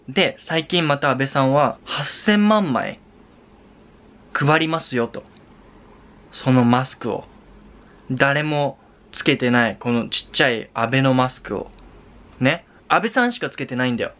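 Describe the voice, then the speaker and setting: A man's voice: medium pitch, fairly bright tone. A young man from Japan, a vlogger and language tutor, talking in a casual, exasperated way and repeating himself, now and then breaking into English swearing. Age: young adult. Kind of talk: casual vlog rant.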